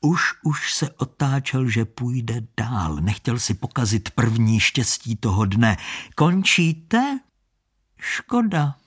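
A man narrating an audiobook story in an expressive, shifting storytelling manner. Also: medium pitch, few pauses, husky.

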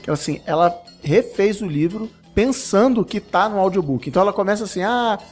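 A man's voice: sits high, expressive, brisk, slightly rough, faint music behind. A man, chatting enthusiastically as a podcast panelist. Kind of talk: casual chat.

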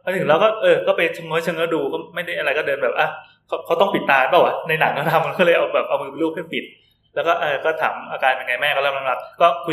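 Fast-talking man telling a story. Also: on the high side, fairly bright tone. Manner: rambling, repeats words, laughs often. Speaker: podcast co-host. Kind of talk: casual storytelling chat. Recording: roomy room with faint noise.

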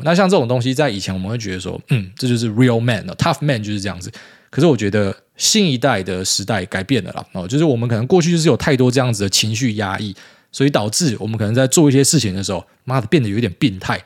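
Fast-talking man host. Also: medium pitch. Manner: blunt, swears often, rambling and candid. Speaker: podcast host answering listener questions. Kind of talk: casual chat.

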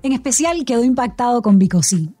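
A Puerto Rican woman hosting a podcast, giving scripted narration in a measured, clear way and interviewing a guest. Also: fairly high pitch, lively intonation, warm tone, dry recording, faint music behind. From Puerto Rico. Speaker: podcast host and journalist.

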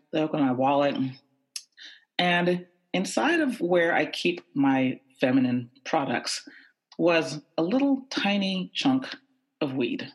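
In poor audio, a deep-voiced young woman shares a personal story with an audience, bringing its characters to life by quoting them in a lively, animated way.

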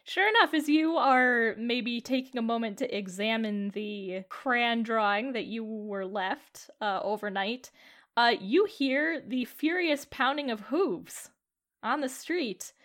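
A woman's voice: fairly high pitch, takes it slowly, fairly bright tone. A woman narrating a tabletop game as game master, chatty, with many fillers.

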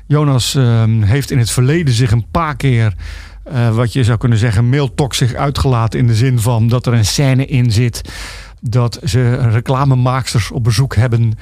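A man's voice: medium pitch, moderate pace, hardly any pauses, darkish tone, no echo, studio quality. A middle-aged man, an author, talking as a guest in a radio interview, hesitant and full of filler sounds and restarts.

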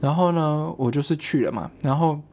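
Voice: mid-range voice, fairly quick, a little hiss or hum. A young adult from Taiwan, casually telling a personal story with many fillers. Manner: chatty, many fillers, lively acted-out quotes. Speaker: vlogger.

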